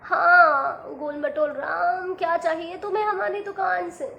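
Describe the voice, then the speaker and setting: A woman voicing a kindly elderly male shoemaker with a gentle, fatherly manner, in a storybook reading. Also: very high-pitched, fairly even intonation, measured pace, creaky, dull audio, slight background noise, full character voice. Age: older.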